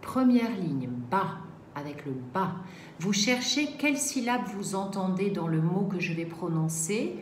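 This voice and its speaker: A woman teaching a reading lesson to young children, sounding out each syllable slowly and carefully. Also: medium pitch. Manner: slow, carefully articulated syllables. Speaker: primary school teacher. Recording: echoey room, faint background noise.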